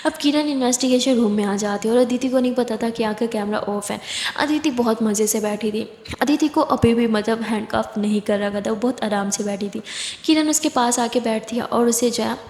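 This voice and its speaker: A woman narrating a romantic drama story in a lively storytelling manner. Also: on the high side, brisk. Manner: lively, clears throat often. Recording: echoey room with long reverb.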